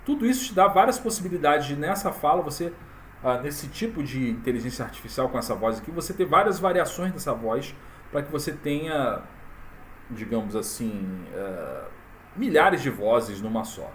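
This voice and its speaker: A man walking viewers through a software tutorial in a casual, chatty way, full of fillers and tag questions. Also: mid-range voice, animated, moderate pace, slight background noise. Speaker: tutorial presenter. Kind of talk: casual screen-recorded tutorial.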